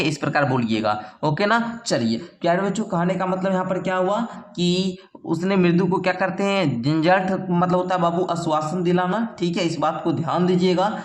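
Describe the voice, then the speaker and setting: Male tutor, higher voice, patient classroom explainer who keeps checking in, roomy echo. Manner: repeats words slowly for students to copy; checks in with "thik hai" and "samjhe" often. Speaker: teacher. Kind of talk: explaining an English lesson in Hindi.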